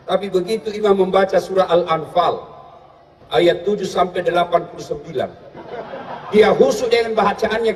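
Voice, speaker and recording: A man giving a humorous sermon as a preacher, telling stories in a lively way and breaking into shouts for punchlines. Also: sits high. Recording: echoey room, distant mic, crowd and noise.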